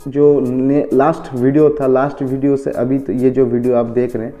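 A hoarse young man talking through a cough in a loose, chatty vlog. His voice is very dark and mellow, and he sits mid-range in pitch. He keeps turning to his viewers as guys, relaxed and talkative. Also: moderate pace, faint music behind. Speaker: motovlogger. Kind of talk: casual vlog talk.

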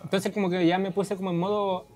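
A man's voice: sits high, flat delivery, fast talker, darkish tone. A young man, hosting a casual food vlog, chatting to viewers and laughing often, on a lapel mic in a small restaurant. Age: young adult. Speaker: host. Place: small crowded restaurant, indoors.

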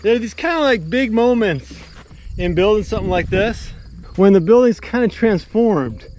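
A man's voice: high-pitched, expressive, normal speed, darkish tone, a little hiss or hum. Laid-back man rambling at a build site. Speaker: builder vlogger. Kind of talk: casual chat to camera while building. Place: outdoors at a barn construction site. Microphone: action camera, sometimes head-mounted.

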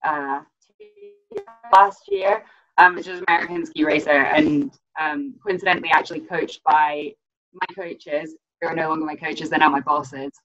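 With soft music in the background, a young British woman in her twenties who coaches skiing chats on a video call. Her low, slightly bright voice keeps a moderate pace and fairly even intonation, peppered with "um," "like," and frequent laughter, all in dull lo-fi call audio.

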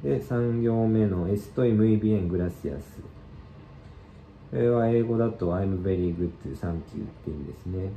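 A man giving a casual language lesson, explaining slowly and loosely with many fillers. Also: lowish voice, echoey room, highs cut off, slight background noise. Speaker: Spanish teacher.

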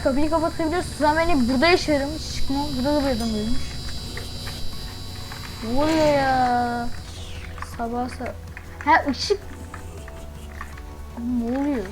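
A woman commenting on her gameplay as she plays, chatty and thinking aloud, with quick startled exclamations. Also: sits high, a bit bright, rough recording. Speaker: gaming channel host.

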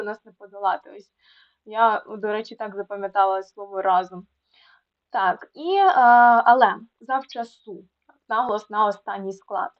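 A woman tutor explaining a lesson to students, repeating words slowly to contrast where the stress falls, with small fillers between them. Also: medium pitch. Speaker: Ukrainian language tutor. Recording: dull lo-fi sound.

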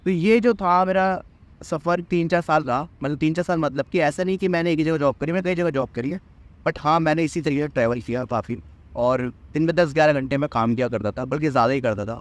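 A young man with a slightly raised pitch speaks earnestly to the camera, coaching his viewers like a fitness mentor. He talks outdoors in a park, picked up by a camera a short way off. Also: brisk. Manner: earnest, repeats and restarts phrases, addresses viewers directly. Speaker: fitness trainer and course mentor. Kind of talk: motivational talk to camera. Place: outdoors in a park under a tree. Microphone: camera at medium distance.

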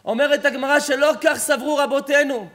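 High-voiced man giving an animated sermon. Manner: animated storyteller who acts out everyday dialogues; asks the audience pointed rhetorical questions. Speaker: rabbi giving a Torah lesson. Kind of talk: sermon-style Torah lesson to a live audience. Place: lecture hall or synagogue at an evening event.

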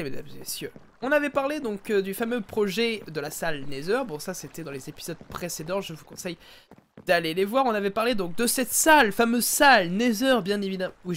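A man giving live, chatty commentary while playing a game, talking into a headset and often addressing his viewers as ladies and gentlemen. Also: sits high. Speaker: let's play streamer.

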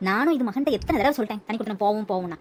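A woman playing a sharp-tongued, defiant young daughter-in-law in a comedy skit, arguing back. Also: medium pitch, racing, slight background noise, close to an everyday voice. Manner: argumentative, retorting. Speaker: comedy sketch actor.

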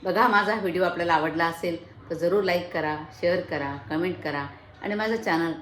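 A woman's voice: fairly low pitch, moderate pace, a bit bright, echoey room, slight background noise. A woman hosting a health channel, earnestly explaining points one by one in an explanatory talk, with small restarts.

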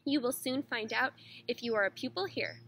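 A woman's voice: fairly high pitch, moderate pace, vocal fry, fairly bright tone, a little hiss or hum. A woman voicing a young girl ballet pupil who explains things in a confiding way.

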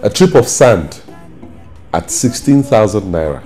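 A man's voice: on the low side, sing-song, a little slow, mellow, soft background music. An actor with a Nigerian accent playing an emphatic husband who lectures his wife with exclamations and questions. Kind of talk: film drama acting.

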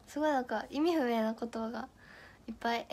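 A young woman from Miyagi in northeastern Japan hosts an idol livestream, casually reading comments from viewers and giggling while botching tongue twisters. Her voice is a little high and slightly rough, delivered at normal speed.

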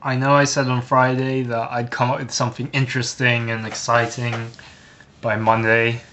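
A man's voice: medium pitch, level tone, moderate pace, a bit bright, a little hiss or hum. A teenage boy vlogging a casual, sarcastic comic rant with jumpy swings of emphasis.

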